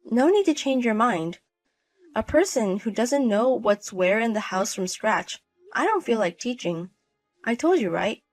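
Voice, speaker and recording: A woman's voice: a little high, big pitch swings, a little slow, no room sound, soft background music. A woman voicing a wife in a scripted drama, talking in a cold, cutting and dismissive way. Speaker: narrator and wife in a voiced story.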